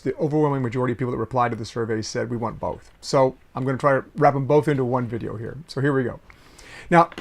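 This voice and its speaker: A middle-aged man, a consultant, teaching in a conversational way from a small sailboat cabin office, with frequent restarts and some throat clearing. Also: mid-range voice. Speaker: consultant teaching systems mapping. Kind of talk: casual talking-head lesson.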